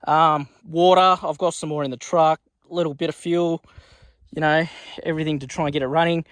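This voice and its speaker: An Australian man with a slightly high voice talks casually through a car job for his vlog. His speech is laid-back and full of blokey Aussie slang and swearing. The sound is close and dry, with little room on it. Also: steady tone, a little fast, a bit bright, smooth, dry recording. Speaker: car build vlogger. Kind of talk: casual vlog chat while working on a car.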